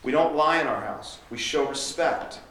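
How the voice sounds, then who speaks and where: A man's voice: a little high, moderate pace, a bit bright, far from the mic, slight background noise. Earnest male pastor preaching in an echoey room. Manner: direct and earnest, acts out parents and kids. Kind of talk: sermon.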